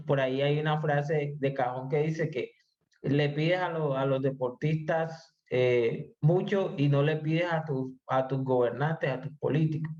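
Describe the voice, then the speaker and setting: A man as an interview guest, explaining his views in a measured way, with frequent hesitations. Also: on the high side, steady tone, a little mellow. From Colombia. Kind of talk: conversational podcast interview. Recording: slightly muffled audio.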